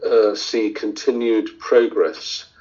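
A middle-aged man from India with a lowish voice speaks as a surgeon guest in an interview. He talks thoughtfully, full of ums and restarts. The audio is dull and lo-fi, as over a video call. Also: little pitch movement, slow pace, darkish tone. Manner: thoughtful, many fillers and restarts. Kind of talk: interview answers.

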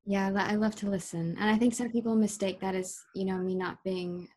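Soft-spoken, husky young woman guest. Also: medium pitch, fairly even intonation, fairly quick. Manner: soft-spoken, thoughtful, hesitant. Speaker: interview guest, model and photographer. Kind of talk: casual interview chat.

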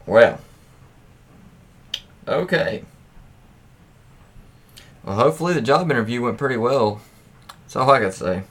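A male podcast host with a mid-range, somewhat bright voice reads anecdotes in an animated, unhurried way, pausing often. He drops in casual, profane asides and interjections as he goes.

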